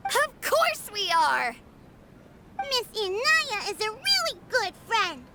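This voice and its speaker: A woman voicing an excitable, adoring little child in a game cutscene, gushing in drawn-out exclamations. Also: very high voice, background noise, full character voice. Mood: excited.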